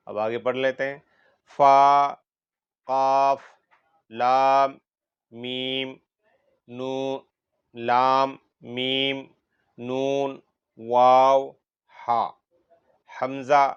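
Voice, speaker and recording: A man's voice: medium pitch, clean tone, dull audio. A man teaching a lesson on Quran letter pronunciation, drawing out each letter sound and repeating it for students.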